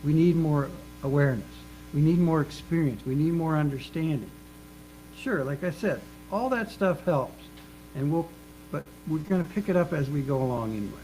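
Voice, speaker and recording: A man's voice: on the high side, moderate pace, warm tone, low-quality recording. A man preaching a sermon in an earnest, emphatic way, repeating phrases for rhythm. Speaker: minister. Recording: faint mains hum.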